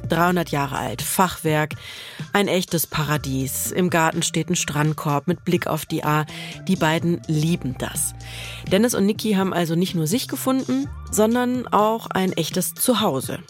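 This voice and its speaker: A woman hosting and narrating a podcast, telling the story in a lively, personal way. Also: on the low side.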